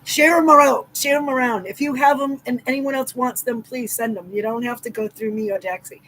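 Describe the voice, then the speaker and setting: Fairly quick and a little high, this woman's voice has a fairly bright tone. She's a middle-aged livestream host from Massachusetts, speaking with a Southeastern Massachusetts accent as she fondly chats with viewers and welcomes them by name, though the audio is poor with a faint hiss or hum.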